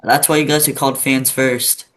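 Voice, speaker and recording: A man's voice: mid-range voice, flat delivery, normal speed, fairly bright tone. A male interview host asking short, plain questions in a casual way.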